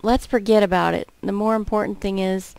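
A woman's voice: mid-range voice, fairly even intonation, a little fast, gravelly, darkish tone, smooth, dry recording, natural voice. A woman voicing a stern, protective teenage boy in a dating game, in her own plain reading voice.

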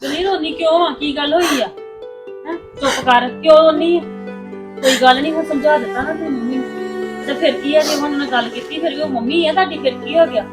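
A woman's voice: high-pitched, normal speed, music in the background, lightly acted. An actress playing a mother who pleads for her daughter and comforts her. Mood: soothing. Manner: soothing, pleading. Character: comforting older mother of the bride. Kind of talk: family drama acting.

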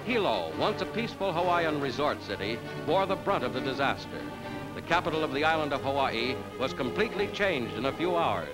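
A man's voice: fairly high pitch, sing-song, a little fast, low-quality recording. A man narrating an old 1940s newsreel in a dramatic, emphatic announcer style. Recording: newsreel narration over loud music.

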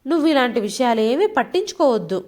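A woman's voice: high-pitched, very animated, fast, a little mellow. Woman reading as a short-tempered husband. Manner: scolding, then consoling.

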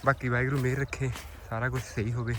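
A man's voice: mid-range voice, flat delivery, fast, background noise. A man with a Malwa Punjabi accent giving chatty, informal vlog commentary outdoors in a farm field. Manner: chatty, addresses viewers and friends informally. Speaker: vlog host.

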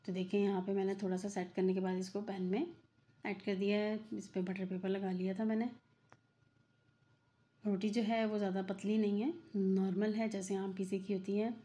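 At a normal speed and level medium pitch, a middle-aged woman speaks warmly over her home cooking video. The cooking channel host, filming in her home kitchen, is chatty and repetitive, with lots of fillers.

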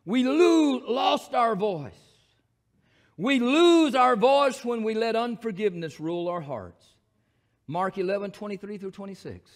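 A man with a Southern accent, a pastor preaching a sermon in church, moving between shouted scripture and quiet, folksy asides. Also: lively intonation, unhurried. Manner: preaching, swings from shouted proclamation to low asides. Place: church sanctuary.

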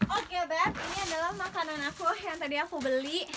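A woman's voice: very high voice, a little fast, heavy background noise. A young woman giving a casual house tour for her vlog, chatting and switching between languages. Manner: chatty, switches between Indonesian, English and Norwegian. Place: at a house by a lake in winter. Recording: background music mixed in clearly. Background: music.

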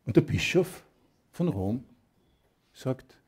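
A man's voice: mid-range voice, big pitch swings, slow, slightly rough. A man giving an emphatic sermon that explains scripture. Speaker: preacher. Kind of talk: Bible exposition sermon.

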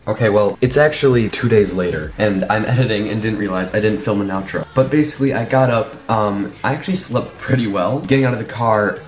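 A man's voice: lowish voice, fairly quick, few pauses. A young man vlogging to a handheld camera from inside his car, talking in a loose, rambling way with lots of fillers. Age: young adult. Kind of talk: casual vlog narration. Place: inside a car in a garage, also a bedroom. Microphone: handheld camera at arm's length.

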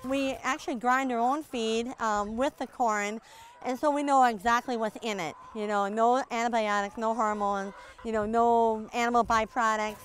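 A woman's voice: a little high, steady tone, normal speed, slight background noise. A middle-aged woman farmer from Minnesota, chatting easily while giving an outdoor farm tour, with lots of "you know" fillers. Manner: easygoing, folksy, many "you know" fillers. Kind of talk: casual farm tour interview.

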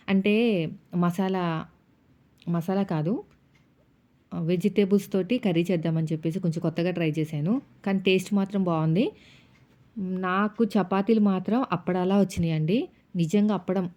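A woman's voice: fairly low pitch, warm tone. A woman, a housewife vlogger, chatting casually as she narrates her day and retells family arguments. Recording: dull lo-fi sound.

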